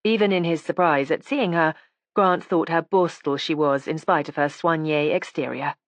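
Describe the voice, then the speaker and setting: A woman narrating a classic mystery audiobook in a measured, even storytelling manner. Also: sits low, no echo. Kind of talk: scripted narration.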